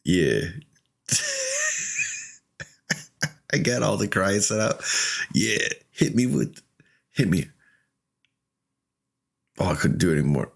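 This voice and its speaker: A man's voice: low voice, measured pace, vocal fry, long pauses, husky. A man casually commenting on his own gameplay, often laughing and acting out what he said in the moment. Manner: laughs often, excitable, retells with quoted self-talk. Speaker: gaming streamer.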